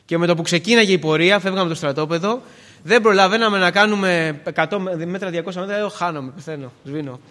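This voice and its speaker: A man around forty preaching a sermon, swinging between hushed words and loud emphatic pleas, repeating phrases with many filler "eh"s. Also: high-pitched, in a large hall.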